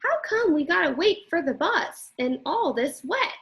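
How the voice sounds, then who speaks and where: Casting: female reader as a curious, complaining little boy from a picture book, high voice with lively swoops. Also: a little slow, creaky, heavily acted. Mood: puzzled, plaintive. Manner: plaintive questioning, colloquial grammar.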